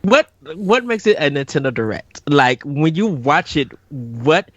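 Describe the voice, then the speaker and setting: A man's voice: on the high side, big pitch swings, a little slow, fairly bright tone, no room sound, highs cut off. A man hosting a podcast discussion in a semi-scripted style. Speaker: podcast host.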